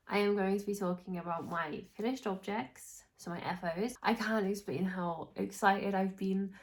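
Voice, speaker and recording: A young Englishwoman hosts a knitting podcast, chatting casually to camera while still recovering from an illness that leaves her hoarse, nasal and congested. Her mid-range voice is a little mellow, and she rambles and restarts her sentences.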